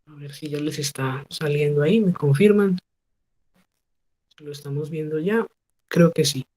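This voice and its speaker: Slow, patient woman teacher. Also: sits low, warm tone. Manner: patient, slow model pronunciation with frequent check questions. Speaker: English teacher. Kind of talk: online class instruction. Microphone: video call.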